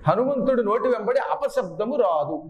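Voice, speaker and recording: A man with a Telugu accent giving a spiritual lecture. He chants verses slowly, explains them and asks his listeners questions. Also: high-pitched, expressive, muffled recording. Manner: asks the audience questions and has them repeat sounds. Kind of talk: devotional discourse. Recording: echoey hall, faint noise.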